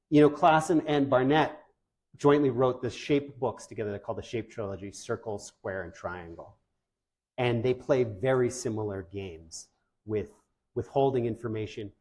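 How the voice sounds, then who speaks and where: Man, middle-pitched voice, enthusiastic presenter, informal talk for families, chatty and conversational. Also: darkish tone. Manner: enthusiastic, lots of praise, loose and conversational. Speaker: presenter for parents of deaf children.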